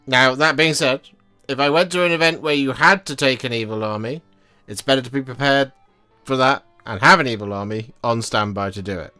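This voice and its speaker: At his home painting desk, a hobby streamer in his thirties chats casually and candidly while painting miniatures, rambling and correcting himself along the way. His medium-pitched voice is fairly quick, pushed, bright, clear, and resonant, with faint music in the background.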